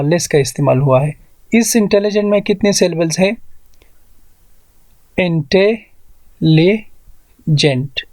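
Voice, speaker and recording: A man teaching an English grammar lesson, explaining rules slowly and spelling words out syllable by syllable. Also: on the high side, a little mellow, dry recording. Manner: mixes Hindi-Urdu explanation with read-out English rules.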